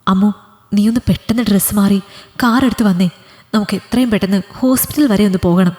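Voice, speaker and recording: A woman's voice: medium pitch, brisk, mellow, lightly acted. A woman voicing an anxious, desperate middle-aged mother who speaks in an urgent, pleading way in a storybook reading. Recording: long hall reverb.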